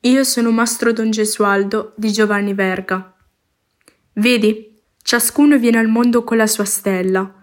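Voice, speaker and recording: Woman reading in a measured, reflective way. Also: a little high, steady tone. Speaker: reader. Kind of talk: reading a novel passage aloud.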